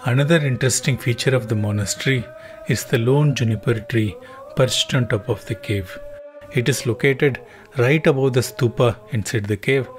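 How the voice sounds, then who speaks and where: A man narrating a travel documentary in a calm, even, scripted voice-over. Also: medium pitch. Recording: voice-over with music underneath.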